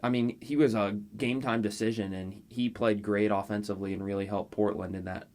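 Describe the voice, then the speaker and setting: Low-voiced man breaking down basketball. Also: fairly even intonation, a little mellow. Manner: measured, analytical, detailed. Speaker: NBA analyst guest. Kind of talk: sports analysis chat.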